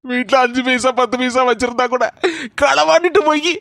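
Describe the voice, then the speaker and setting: Chiding village in-laws of a cartoon family, as a woman voices them, speaking in a Kanyakumari Tamil accent. The voice sits high and moves quickly, recorded dry and close. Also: gravelly, a bit bright, no echo. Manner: chiding, mocking banter. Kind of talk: cartoon comedy voice acting.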